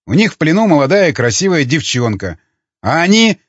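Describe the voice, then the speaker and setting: A man reading an audiobook, voicing a cynical former jailer who argues in a mocking, quick way. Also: fairly high pitch, sing-song, no room sound, highs cut off.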